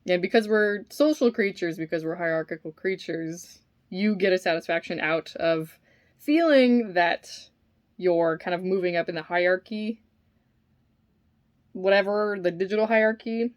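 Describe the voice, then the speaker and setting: A woman chatting casually and musing in a halting, informal way while eating, sometimes with her mouth full. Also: on the low side. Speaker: vlogger eating on camera. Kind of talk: casual rambling opinion talk while eating.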